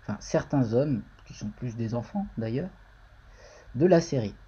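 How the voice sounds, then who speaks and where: A man's voice: medium pitch, animated, normal speed, dark tone, slightly rough, muffled recording. A man streaming a casual live-coding tutorial, thinking aloud and talking to viewers in the chat.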